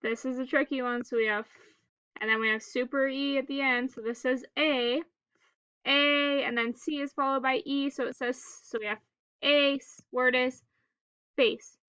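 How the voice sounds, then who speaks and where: A woman teacher leading a phonics drill for children in staccato, clipped single words with pauses between them. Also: high-pitched, steady tone, a bit bright, clear, resonant tone, no echo, lo-fi sound.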